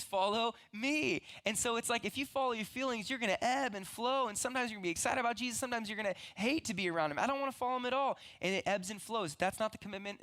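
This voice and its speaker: Bright-voiced man preaching earnestly. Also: sits high. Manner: earnest, conversational preaching with many restarts. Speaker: pastor. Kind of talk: sermon.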